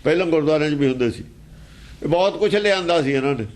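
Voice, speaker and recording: A man's voice: a little high, fast, darkish tone. A man teaching scripture in an emphatic, argumentative way, asking pointed rhetorical questions. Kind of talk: explaining scripture verse by verse.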